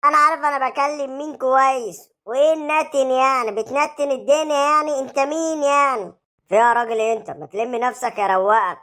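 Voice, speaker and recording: Brief: performer as a defiant cartoon outlaw boss with an Egyptian accent, quick and high-pitched. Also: fairly bright tone. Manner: menacing and defiant. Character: tough male outlaw chief from the mountains. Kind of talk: comic cartoon acting.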